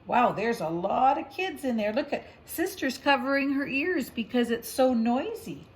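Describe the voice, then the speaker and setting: At a normal speed and with lively intonation, a high-voiced woman reads a picture book aloud. She keeps it conversational, with chatty asides and soft questions aimed at a young child.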